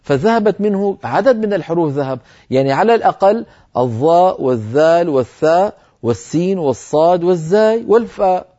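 Mellow male recitation teacher. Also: high-pitched, animated, fairly quick. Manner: explanatory, demonstrates letter sounds aloud. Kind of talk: televised recitation lesson. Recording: dull lo-fi broadcast audio.

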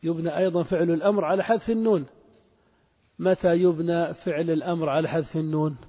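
A man's voice: a little high, steady tone, fast talker, warm tone, breathy edge. A man teaching Arabic grammar to a class, asking students questions and repeating their answers. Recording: muffled recording in a reverberant hall.

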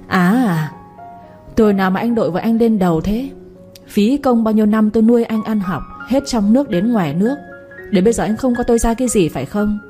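A woman's voice: medium pitch, a little fast, mellow, lightly acted. A woman voicing an embittered older mother who scolds her son possessively, in a reproachful manner, with faint music underneath. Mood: scolding.

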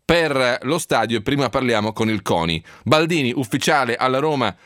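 Guy hosting sports radio, normal pitch, close dry studio sound. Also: lively intonation, normal speed, fairly bright tone, dry recording. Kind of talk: radio presenting.

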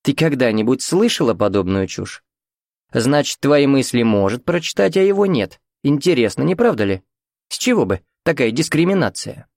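A man's voice: mid-range voice, sing-song, normal speed, creaky, darkish tone, no room sound, clean studio sound, pitched above the performer's own voice. A man voicing a cold, scornful middle-aged mother who talks down to her daughter in a cutting, commanding way, in an audiobook. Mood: mocking.

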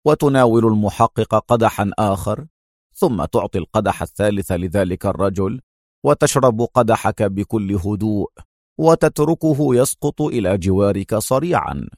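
A calm, mocking crime boss speaks low and slowly, with a quiet menace, as a narrator puts him on. The voice is hushed and dry, with no room sound around it. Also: male voice, dry recording, lightly acted. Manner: slow, low and coolly menacing.

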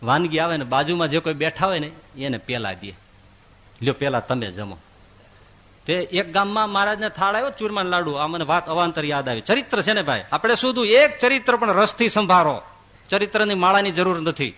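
A man, a swami, giving a devotional discourse and telling a story, acting out the characters' dialogue with big swings in pitch and loudness. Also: animated, a little fast.

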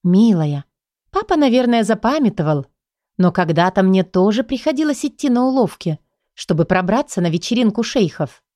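A woman voicing a gentle, clever middle-aged mother in an audiobook, speaking softly in a slightly raised voice. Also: medium pitch, sing-song, moderate pace, no echo, clean studio sound, lightly acted. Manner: soft, lightly raised voice. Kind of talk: audiobook character voice.

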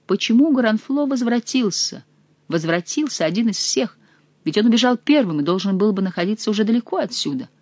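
A woman reads a novel aloud in a measured, expressive narration. Her voice sits at an ordinary pitch. The recording is dry and close, with no room echo. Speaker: audiobook reader. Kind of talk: scripted narration.

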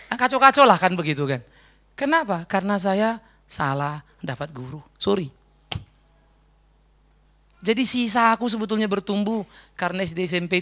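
A middle-aged male pastor from Sumatra preaching a sermon, telling his life story in a lively way, acting out voices and laughing often. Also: high-pitched, creaky. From North Sumatra. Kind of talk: sermon with personal testimony.

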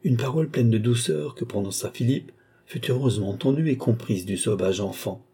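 A man with a warm, husky, mid-range voice narrates a classic novel as an audiobook, in a measured storytelling manner.

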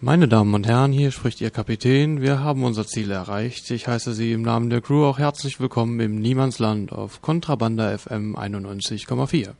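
A man speaks like an airline captain addressing the cabin over the cockpit announcement system, formal and measured. His voice has a gravelly edge and sits at an ordinary pitch. It is a short station jingle in a mock in-flight announcement style. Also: darkish tone. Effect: airline captain's cockpit announcement to passengers.

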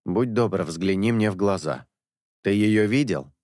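A man voicing a patient young priest in an audiobook, coaxing and reasoning in a low voice. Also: a little slow, a little mellow, no echo, studio quality, lightly acted. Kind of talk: audiobook character dialogue.

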